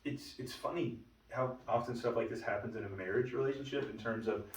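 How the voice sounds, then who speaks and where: A man's voice: medium pitch, a little fast. Man teaching a Bible study, roomy and distant. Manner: conversational storyteller, frequent restarts. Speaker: pastor leading a Bible study. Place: church meeting room. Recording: roomy room, mic at a distance.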